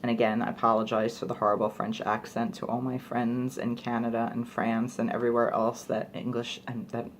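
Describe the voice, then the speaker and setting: A woman's voice: extremely low pitch, level tone, brisk, few pauses, a little hiss or hum. A young woman chatting casually through a product review, rambling with fillers like "like" and "you know". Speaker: beauty vlogger.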